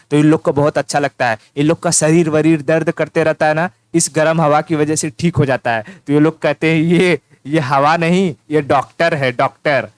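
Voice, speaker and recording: A man's voice: a little high, clear, resonant tone, no echo. A man teaching an informal exam-prep lesson, teasing the listener and repeating key words as he writes them down. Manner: teasing, repetitive, addresses listener as "tu".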